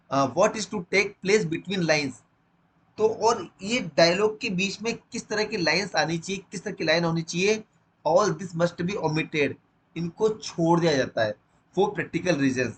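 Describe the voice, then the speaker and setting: A man teaching a literature lesson line by line. He reads the English text slowly, then explains it quickly in Hindi. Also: high-pitched, a little hiss or hum, low-quality recording.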